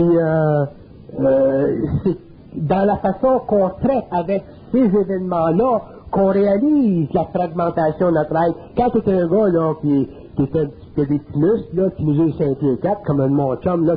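High-voiced Quebec man lecturing earthily. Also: a little hiss or hum. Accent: Quebec French. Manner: colloquial, earthy, emphatic. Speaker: speaker. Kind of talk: spiritual lecture. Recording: narrow phone-like old tape.

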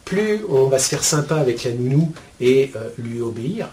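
A man teaching spiritual ideas to his viewers in a casual, colloquial way, with a steady stream of "hein" and "euh". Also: medium pitch, moderate pace, slight background noise. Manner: chatty, explains with homely metaphors.

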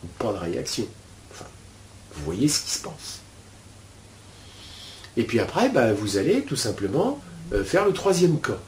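A man's voice: medium pitch, huge pitch swings, normal speed, pauses often, a little mellow, slight background noise. A man talking a listener through a guided inner exercise, rambling and hesitant, full of fillers and restarts. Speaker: spiritual teacher. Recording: echoey room with faint ambience.

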